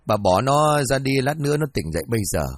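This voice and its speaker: A blunt village man, as a storyteller voices him, who talks impatiently and loudly. The recording is close and dry. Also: medium pitch, very animated, fairly quick, no echo.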